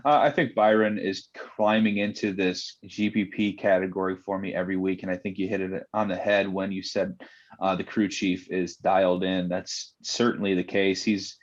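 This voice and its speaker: A man's voice: deep voice, normal speed. A man co-hosting a casual fantasy sports podcast, steadily leading the talk by posing questions about picks. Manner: steady, leads the discussion with questions. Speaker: co-host, fantasy sports analyst. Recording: dull lo-fi audio.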